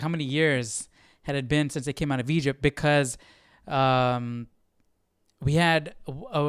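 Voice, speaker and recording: Recorded at studio quality with a clean tone and no room sound, this young man's voice sits on the high side. He's hosting a relaxed Bible study livestream on a close handheld or desk mic with headphones, musing aloud and repeating phrases.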